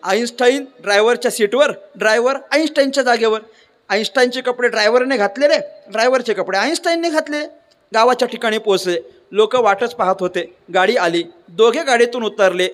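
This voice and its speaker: A man from Maharashtra preaching a devotional sermon, telling a story with lively asides and rhetorical questions to the crowd. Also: extremely high pitch, fairly quick. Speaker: kirtan preacher. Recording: long reverb of a large hall.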